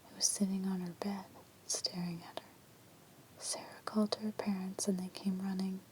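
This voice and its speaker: A woman reading creepy legends as an ASMR storyteller in a hushed, breathy whisper. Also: mid-range voice, little pitch movement, normal speed, a little hiss or hum, poor audio.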